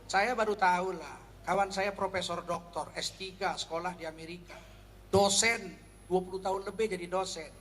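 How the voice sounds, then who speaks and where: A man from North Sumatra giving a humorous Islamic lecture, animated and acting out everyday quarrels. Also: high voice, normal speed, big-room sound, slight background noise. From North Sumatra, Indonesia. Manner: animated, acts out quarrels in a raised voice. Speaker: Islamic preacher.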